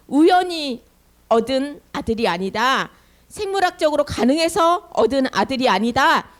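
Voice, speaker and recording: Animated woman telling a Bible story to kids. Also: a little high. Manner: animated storyteller, asks children questions. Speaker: children's Sunday school teacher. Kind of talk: Bible story told to children.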